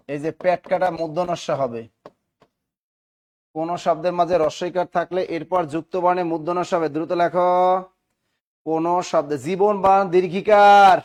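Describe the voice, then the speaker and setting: A Bangladeshi man teaching a spelling class, dictating rules and repeating questions and answers for students to write down, now and then clearing his throat. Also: high voice, darkish tone. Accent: Bangladeshi Bengali. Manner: repetitive, drilling, asks and answers his own questions.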